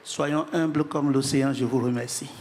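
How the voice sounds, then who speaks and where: A man speaking as a panelist in measured, solemn remarks, pausing for his interpreter. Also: medium pitch, fairly even intonation, a little mellow. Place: large hall at an event. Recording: reverberant hall, faint noise.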